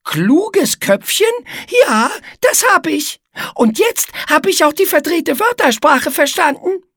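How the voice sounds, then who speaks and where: A woman's voice: high voice, animated, takes it slowly, no echo, studio quality, voice pushed up, full character voice. Woman doing prissy spider cheerleader Igitte. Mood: offended. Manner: prissy and easily offended. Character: prim, conceited young female spider cheerleader.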